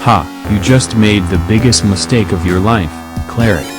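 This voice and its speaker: A man's voice: fairly low pitch, moderate pace, music in the background, lightly acted. A man voicing a defiant, impatient computer user who mocks a virus in a comedy skit. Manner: mocking, stubborn, theatrical.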